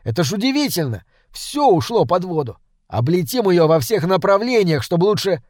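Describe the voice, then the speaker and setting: A man voicing a curious boy astronaut who speaks with excited wonder. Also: sits high, normal speed, dry recording, clean studio sound, voice pushed up. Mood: eager.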